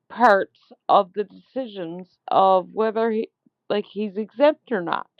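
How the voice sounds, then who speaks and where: A woman leaving a voicemail for a politician, complaining slowly and emphatically, repeating words for stress. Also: medium pitch, no echo. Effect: leaving a voicemail over a phone line. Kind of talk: angry complaint message. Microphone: phone. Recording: dull lo-fi phone voicemail.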